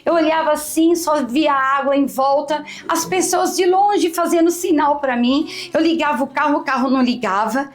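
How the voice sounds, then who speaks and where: Lady teacher, high voice, emotional story, keeps repeating herself. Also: moderate pace, few pauses. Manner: emotional, repetitive, often addresses the host by name. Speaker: teacher, interview guest. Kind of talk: heartfelt personal storytelling.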